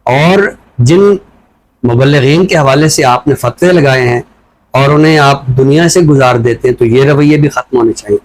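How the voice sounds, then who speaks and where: This reflective talk show commentary comes from a Pakistani-accented man who explains things deliberately and frequently asks rhetorical questions. His voice is mid-range, and the recording is low quality.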